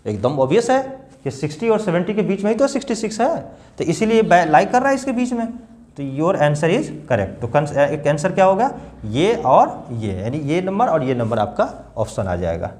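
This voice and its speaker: A man with a fairly high voice gives a math lesson to children. He works through each step patiently, repeats the numbers aloud and keeps asking the class questions. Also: big pitch swings, fairly quick, a little mellow. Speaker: math teacher.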